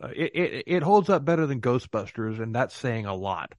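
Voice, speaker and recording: Animated, laughing male podcast host. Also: medium pitch, moderate pace, no room sound. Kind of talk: casual chat.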